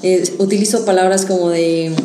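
A woman's voice: on the low side, fairly even intonation, normal speed, dark tone. A woman in casual debate chat, co-hosting a podcast, arguing and acting out imagined quotes. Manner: argumentative, acts out hypothetical quotes. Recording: roomy echo with faint music.

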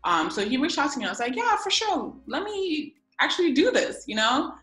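A woman's voice: high-pitched, brisk. A young woman from Ghana, a music publicist, chatting casually in an interview with lots of fillers. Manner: relaxed, many fillers. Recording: echoey room with faint music.

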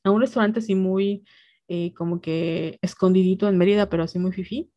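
A woman's voice: medium pitch, steady tone, fairly quick, dark tone, no room sound, dull audio. A young woman with a Mexican accent, telling a personal story in casual podcast chat, full of slang and quoted dialogue. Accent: Mexican Spanish.

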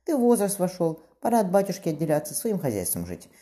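Cruel commanding young tsar, read by a man, brisk, dark timbre. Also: high voice, wildly swooping pitch, pitched above the performer's own voice. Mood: tender.

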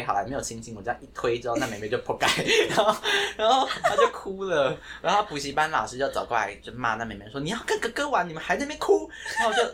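A young man with a Taiwanese Mandarin accent, a guest in a casual chat, telling stories in an animated way and apologizing sheepishly. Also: mid-range voice, slightly rough.

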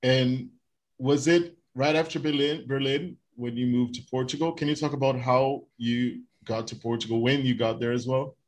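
A man's voice: mid-range voice, fairly even intonation, normal speed. A man hosting a podcast, introducing his guest and asking questions with friendly restarts. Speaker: podcast host.

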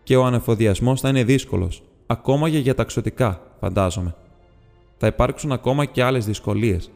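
There's some vocal fry in this man's medium-pitched, slightly mellow voice, which sounds close to everyday speech. He reads an audiobook part as a male hobbit burglar, polite and businesslike, speaking with courteous precision and a touch of formality over long reverb and faint music.

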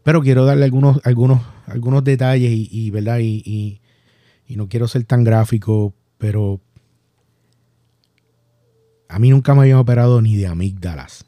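A Puerto Rican man with a Puerto Rican Spanish accent, hosting a podcast and recounting a personal story in a halting, reflective way. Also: mid-range voice, fairly even intonation, dark tone, dry recording. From Puerto Rico. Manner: halting, reflective, many restarts and fillers. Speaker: podcast host.

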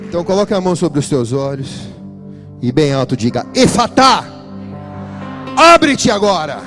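A man's voice: medium pitch, fairly quick, over music. A man with a Brazilian Portuguese accent preaching an emphatic church sermon as a pastor, addressing his congregation directly.

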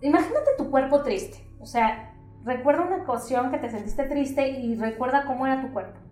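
A lively Mexican woman therapist talks through ideas with plenty of fillers, slipping into little acted-out voices. She sits a bit back from the mic, so her voice bounces around a roomy space. Her voice sits on the high side, with faint music underneath. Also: moderate pace, distant mic. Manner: animated, acts out quoted voices, many fillers. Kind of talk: conversational explaining.

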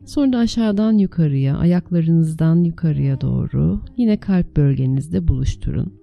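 A woman leading a guided meditation as a teacher, speaking in a gentle, soothing, unhurried way with pauses between short phrases. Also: sits low, lively intonation, vocal fry, lo-fi sound, faint music behind.

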